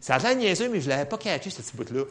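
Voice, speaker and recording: In church, a man with a Quebec French accent preaches, sharing a personal testimony as an animated, laughing story. His pitch is fairly high and his delivery rapid-fire.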